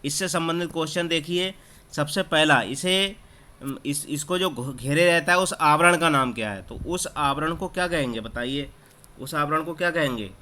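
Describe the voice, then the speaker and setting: Bright-voiced man teaching exam prep. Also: on the high side, normal speed. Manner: asks a question then answers it himself, repeating key terms. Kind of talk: exam-prep lesson over screen recording. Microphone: screen-recording app mic.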